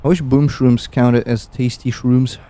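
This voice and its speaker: A man's voice: medium pitch, flat delivery, measured pace, dark tone. A young man streaming a game, rambling and musing aloud with easy chuckles as he plays. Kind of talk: casual gameplay commentary.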